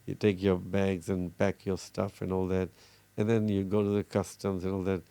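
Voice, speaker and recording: A middle-aged man from Fiji, a cardiologist, talking earnestly in an interview with many pauses and restarts. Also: low voice, completely flat delivery, dark tone, no echo. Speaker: cardiologist guest. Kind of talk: casual interview talk.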